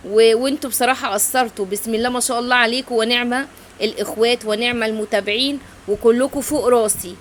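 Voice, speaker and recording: A woman's voice: on the high side, slight background noise. A middle-aged woman with an Egyptian Arabic accent hosts a cooking video, talking through a recipe in a casual, affectionate way. She pours out blessings and oaths to her viewers. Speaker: cooking channel host.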